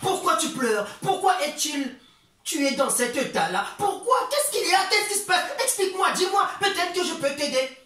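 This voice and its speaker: A man playing a sly crocodile in a children's storytelling show, sweet-talking his prey with a bright, lively voice. It swings from high, coaxing questions to low, drawn-out promises. The sound comes from far off in a very echoey room. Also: soft background music, full character voice. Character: sly male crocodile, falsely friendly and scheming.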